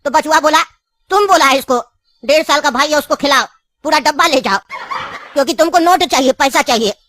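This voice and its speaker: A woman's voice: sits high, brisk, a bit bright, a little hiss or hum. Woman voicing a rambling old cartoon grandfather. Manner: long rambling storytelling, insistent. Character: talkative old male grandfather, fussy and scheming.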